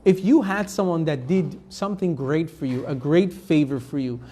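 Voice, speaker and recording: Here the rabbi's voice is mellow and slightly high, moving at a moderate pace through a live Torah class. He reads and translates Hebrew verses bit by bit, posing rhetorical questions in an easygoing manner marked by fillers and false starts.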